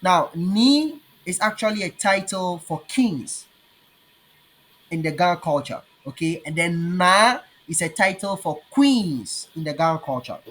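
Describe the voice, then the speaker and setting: A man with a Ghanaian accent teaching his language in an online lesson, patiently repeating words slowly. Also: high voice, animated, fairly bright tone.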